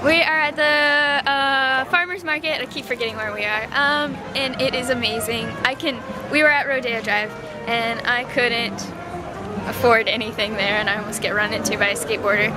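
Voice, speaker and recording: A young woman filming a travel vlog outdoors, gushing and excitable, squealing when something thrills her. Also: fairly high pitch, moderate pace, over music. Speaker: vlogger. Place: outdoors in a busy city, on a beach. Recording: noisy outdoor ambience with traffic.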